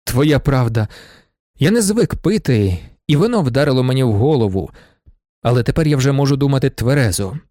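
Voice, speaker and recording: A man's voice: mid-range voice, animated, brisk, warm tone, no room sound, clean studio sound, natural voice. A man voicing a brooding middle-aged merchant who talks in a wry, curt way.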